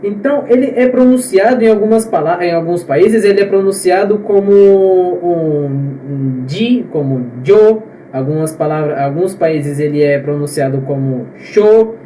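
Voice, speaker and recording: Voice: mid-range voice, moderate pace, hardly any pauses, warm tone, reverberant, recorded from a distance, a little hiss or hum, poor audio. A teacher from Brazil explaining pronunciation step by step in a video lesson, checking in with the viewers often. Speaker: Spanish teacher.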